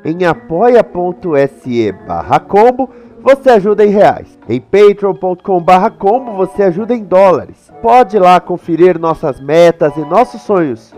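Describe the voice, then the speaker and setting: A Brazilian man hosting a comedy podcast, reading an upbeat scripted introduction in a fairly high voice. He sounds like an announcer. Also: animated, measured pace, few pauses, darkish tone, faint music behind. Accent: Brazilian Portuguese. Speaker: show host.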